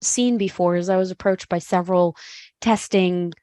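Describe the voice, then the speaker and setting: A woman hosting a casual podcast interview, chatty and quick to laugh. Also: on the low side, steady tone, mellow, dry recording, clean studio sound. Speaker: podcast host.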